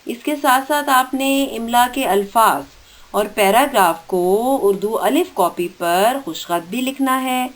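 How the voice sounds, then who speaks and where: A woman teacher in an online school lesson, reading out vocabulary words one by one and explaining their meanings. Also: a little high. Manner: reads vocabulary words then gives meanings; slow deliberate dictation pace.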